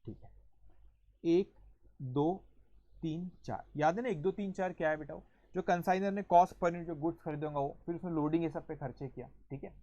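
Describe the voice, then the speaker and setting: A male accounting teacher giving an online lecture in a lively storytelling manner, going through each point step by step and counting them off aloud. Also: on the high side, fairly quick, no echo, lo-fi sound. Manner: explains step by step, counting points aloud and calling students "beta"; lively storytelling, acting out an example.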